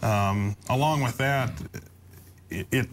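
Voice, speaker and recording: A man in his thirties with an American accent, explaining haltingly as a crop adviser on a panel. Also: medium pitch, slight background noise. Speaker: crop adviser, sales manager. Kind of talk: informal expert panel talk. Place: TV studio panel desk.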